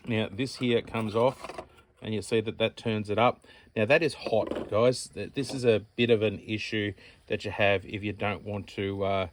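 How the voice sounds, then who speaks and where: A man hosting an outdoor channel, casually demonstrating a camp stove in a relaxed, rambling, chatty way. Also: lowish voice, slight background noise.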